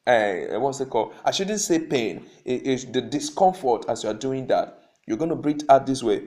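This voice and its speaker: A man of ordinary middle pitch talks through a vocal lesson from his seat. He explains each step plainly and repeats his key points. He often pauses to check that the listener is following. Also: expressive, darkish tone. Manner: instructive, repeats points, asks "okay?"; seated while talking. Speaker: vocal coach. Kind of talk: spoken singing lesson.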